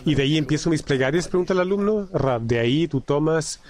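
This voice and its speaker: A man interpreting a spiritual lesson live. He relays it in halting phrases, with frequent restarts and repeated words. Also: on the high side, animated, a little mellow. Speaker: simultaneous interpreter.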